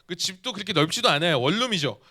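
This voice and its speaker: A young male youth pastor preaches with a high, bright voice that jumps around in pitch. He keeps asking his listeners questions and acts out the quoted lines. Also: quick pace. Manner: lively, asks the audience questions and acts out quotes. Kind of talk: youth sermon.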